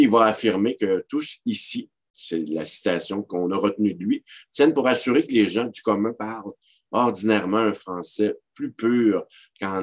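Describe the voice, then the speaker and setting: A man with a Québécois French accent giving an informal lecture, hesitating often with fillers and restarts. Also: on the low side. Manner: hesitant, frequent "euh" and restarts.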